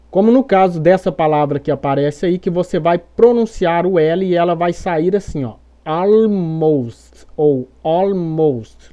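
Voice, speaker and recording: A woman's voice: fairly low pitch, mellow. A Brazilian woman teaching English pronunciation in a patient explanatory way, repeating examples and checking in often. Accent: Brazilian Portuguese. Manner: patient, repeats examples, keeps asking "beleza?". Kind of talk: explanatory lesson.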